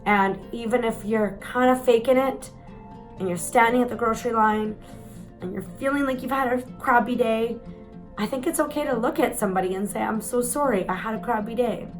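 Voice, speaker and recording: A woman's voice: a little high, brisk, faint music behind, poor audio. A woman, telling a candid, chatty story to the camera, with some mild swearing. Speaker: vlogger.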